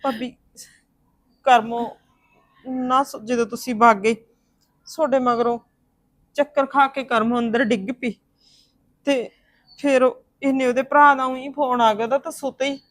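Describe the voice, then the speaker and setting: A woman as a soothing, high-voiced sister-in-law. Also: fairly even intonation, measured pace, pauses often. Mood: explaining. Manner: soothing, reassuring, talks it through. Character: steady woman comforting her grieving sister-in-law. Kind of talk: Punjabi family drama acting.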